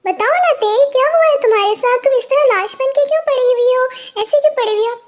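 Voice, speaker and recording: A woman's voice: very high-pitched, quick pace. A woman voicing a protective young male mafia boss who fires off demanding, threatening questions in a fan fiction story. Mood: worried.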